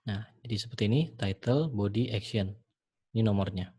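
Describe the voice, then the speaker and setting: Low-voiced man explaining code step by step. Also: normal speed, breathy edge. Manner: relaxed, talks the viewer through each step, frequent "ya" and "nah". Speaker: programming instructor. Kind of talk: screen-recorded coding tutorial.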